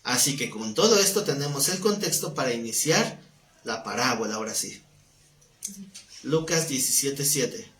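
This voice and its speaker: Speaking at a moderate pace, a man with a medium-pitched, animated, somewhat bright voice teaches a Bible class over live stream. His style is conversational and full of questions for the audience, and the audio is roomy with faint noise behind it.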